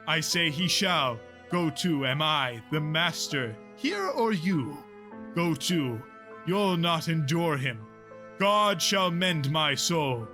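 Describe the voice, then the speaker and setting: An actor playing a commanding, quick-tempered older lord and uncle, declaiming Shakespearean verse in an audio play. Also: male voice, fairly high pitch, sharp tone, heavily acted. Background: music.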